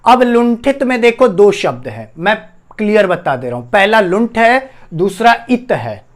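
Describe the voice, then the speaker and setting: Using a high-pitched, sing-song voice at a measured pace, a man gives a Hindi grammar lesson on a whiteboard, classroom style. He asks the class questions, repeats each key term, and calls the students "bhaiya."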